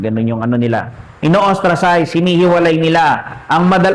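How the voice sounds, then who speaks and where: A man's voice: a little high, rough recording. A man preaching a sermon in a conversational teaching manner, often asking the listeners questions.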